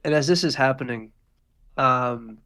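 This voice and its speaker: A man running a tabletop session in an easy, unhurried voice. He describes the scene casually and loosely, at a middle pitch. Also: sharp tone. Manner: laid-back, loose narration. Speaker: game master. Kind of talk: narrating a tabletop game.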